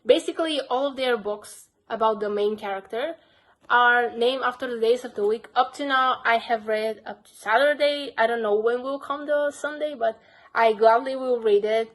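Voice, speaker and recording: Speaking at a moderate pace in a slightly high, somewhat bright voice, a young Bulgarian-accented woman sincerely reviews her collection of crime books. It's a casual vlog, and her phrasing stays simple, peppered with "basically."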